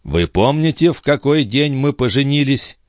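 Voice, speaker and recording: A man reading an audiobook, voicing a calm, ironic aristocratic count in measured speech. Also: mid-range voice, no room sound, clean studio sound, pitched above the performer's own voice, lightly acted. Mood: composed.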